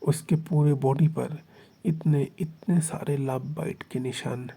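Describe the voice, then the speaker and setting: A man's voice: fairly high pitch, fairly even intonation, takes it slowly, creaky, dark tone, breathy edge. A man narrating a fan fiction story aloud in a dramatic, emphatic way. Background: faint music.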